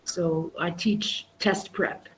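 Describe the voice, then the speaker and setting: With poor audio and slight background noise, a middle-aged woman speaks slowly in a lowish, steady voice. She's an English teacher and exam prep tutor guesting on a live stream via video call, her casual talk full of restarts and "you know."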